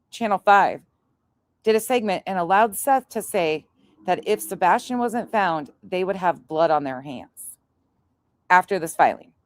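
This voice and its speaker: This livestream host is a woman with a mid-range voice and no room sound. She chats with viewers and casually commentates on the clips she plays, sounding blunt, profane and scornful.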